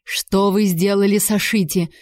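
A proud young warrior, cold and menacing, each word measured and heavy, as a woman narrator reads him. The tone is dark and mellow. The recording is dry and close, with no room around it. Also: medium pitch, steady tone, no room sound, natural voice. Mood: cold menace.

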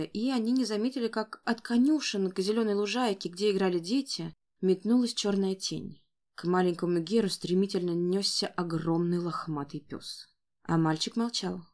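Woman narrating a dramatic audiobook. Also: medium pitch. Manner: expressive, dramatic storytelling.

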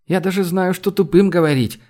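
A woman's voice: lowish voice, a little fast, warm tone, pitched above the performer's own voice, natural voice. A male narrator voicing a bold, blunt young woman scout who talks in an offhand, breezy way.

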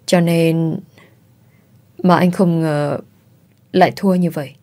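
A woman's voice: deep voice, steady tone, slow pace, dark tone. A woman voicing a pleading young husband in debt. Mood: regretful. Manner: pleading, defensive.

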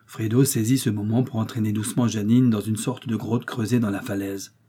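A man narrating a novel aloud in a measured storytelling manner. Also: lowish voice, little pitch movement, warm tone, slightly rough.

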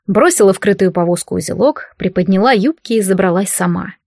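A woman reads a fantasy romance aloud in a steady, even storytelling manner. Her voice sits at a middling pitch and is recorded dry and close to the mic, with no room sound. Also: brisk, vocal fry, no echo. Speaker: audiobook narrator. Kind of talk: scripted narration.

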